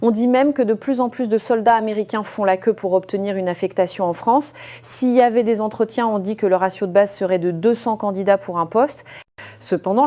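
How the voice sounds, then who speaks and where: A woman reading a first-person story aloud in a calm, scripted way, with frequent small hesitations. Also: medium pitch. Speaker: narrator.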